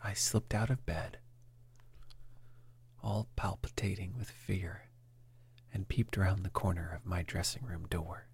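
A man reading an old story in a whisper, calm and even. His voice is extremely breathy and low-pitched. He takes it at an unhurried pace. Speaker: reader.

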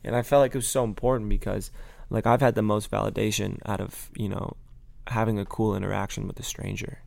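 A man's voice: lowish voice, flat delivery, fairly quick, vocal fry, darkish tone, no room sound. A young man from Michigan, a musician guest, talking in a loose, chatty way on a podcast. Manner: loose and chatty, lots of likes. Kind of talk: casual podcast interview.

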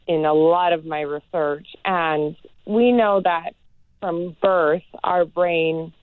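A woman professor answering interview questions in an earnest, measured way, with frequent "you know" fillers. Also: lowish voice, steady tone, no echo. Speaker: guest, neuroscience professor. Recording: tinny phone-like line.

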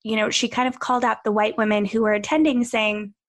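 A woman guest from Pennsylvania speaking in a slightly raised voice. She talks through her story in a relaxed interview, thoughtful and pausing with small hesitations. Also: on the high side. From Pennsylvania, USA. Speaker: podcast guest, co-founder. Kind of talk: casual interview conversation.

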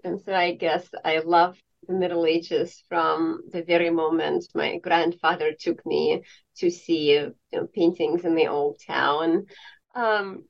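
A woman from Estonia, a professor of art history, speaking thoughtfully in an interview with frequent pauses. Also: low-pitched, fairly even intonation, gravelly. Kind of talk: conversational interview. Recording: dull lo-fi sound.

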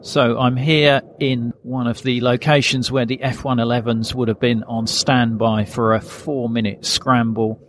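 A man giving on-site commentary inside a huge concrete hangar, his voice ringing with big hall echo, talking in a relaxed way with ums and uhs. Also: mid-range voice, measured pace, hardly any pauses, slight background noise. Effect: big hall echo from a cavernous hangar. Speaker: tour narrator. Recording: echoey hangar, slightly off mic.

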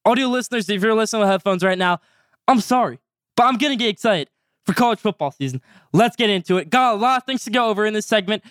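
Fast-talking teenage boy podcast host. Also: high voice, clear, resonant tone, dry recording, studio quality. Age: teens. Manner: energetic, stretches out segment names with excitement. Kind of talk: solo sports podcast commentary.

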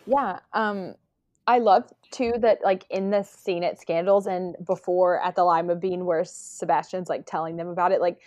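A woman's voice: on the low side, steady tone, moderate pace, a little mellow, dry recording. A woman co-hosting a podcast, talking casually and enthusiastically with many fillers. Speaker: podcast co-host.

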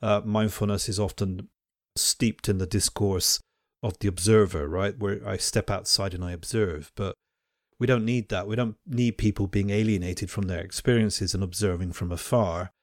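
A man's voice: fairly low pitch, fairly even intonation, normal speed, dry recording, studio quality. A man who teaches at a university, talking in a thoughtful, academic way, often restarting his phrases. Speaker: podcast host and university teacher. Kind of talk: reflective conversational discussion.

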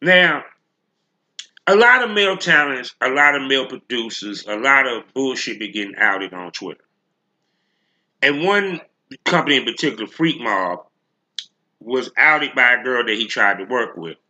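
A man's voice: mid-range voice, very animated, normal speed, long pauses, bright, forceful tone, low-quality recording. A man hosting a solo podcast rant, speaking bluntly and emphatically with heavy slang and profanity. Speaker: podcast host.

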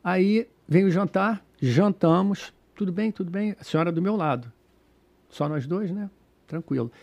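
A man's voice: high-pitched, measured pace, creaky, dull audio. A man from Brazil telling a travel story in casual podcast chat, acting out the dialogue and laughing often. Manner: animated storyteller, acts out dialogue, laughs a lot. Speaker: group travel organizer telling stories.

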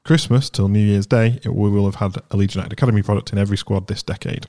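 Low, quick stats talker. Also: male voice, steady tone, mellow. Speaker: podcast co-host. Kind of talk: casual football podcast chat.

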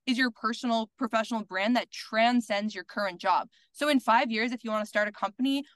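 A woman's voice: a little high, a little fast, no echo. A woman guest on a podcast, talking candidly and outspokenly in casual conversation, peppered with "like" and the odd swear word. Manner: filler-heavy with many "like"s. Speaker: podcast guest, content creator.

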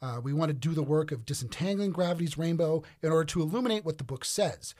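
A man co-hosting a podcast, narrating from a script and explaining ideas in a measured way with hedging fillers. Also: a little high, expressive, darkish tone. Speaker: podcast co-host. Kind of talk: scripted narration with casual discussion.

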